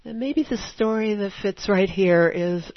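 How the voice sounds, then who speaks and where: A woman preaching a sermon in a conversational, storytelling way with animated asides. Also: medium pitch, takes it slowly, dry recording, muffled recording.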